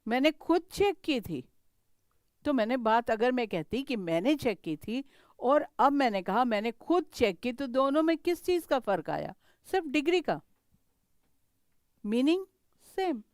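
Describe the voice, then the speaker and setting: A woman's voice: high voice, sing-song, unhurried, dry recording. A middle-aged woman with an Indian English accent teaching a grammar lesson. She mixes Hindi and English and keeps checking whether her students understand.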